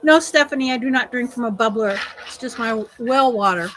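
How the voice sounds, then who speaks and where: A woman's voice: fairly high pitch, steady tone, normal speed, fairly bright tone, slight background noise, rough recording. A woman with a hillbilly accent that mixes Ozarks and Wisconsin, chatting casually as a livestream co-host. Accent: hillbilly mix of Ozarks and Wisconsin. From Ozarks and Wisconsin, United States.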